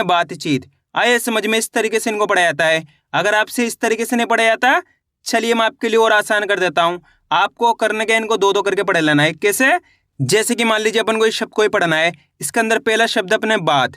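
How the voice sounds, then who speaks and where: Male tutor, high bright voice, slow drawn-out spelling drills. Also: no echo, studio quality. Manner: slow, drawn-out syllable-by-syllable spelling with repeated checks. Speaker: Hindi reading teacher. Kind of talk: online reading lesson.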